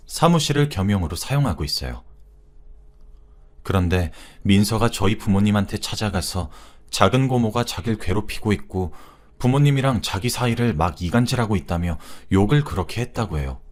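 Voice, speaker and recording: Male storyteller, low voice, calm scripted first-person narration.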